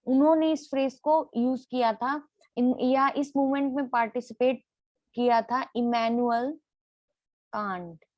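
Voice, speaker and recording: Reading each definition slowly before explaining it, a woman teaches literary terms for an exam, repeating the key words and asking and answering her own questions. Her voice is a little high and a little mellow, and the recording is dry.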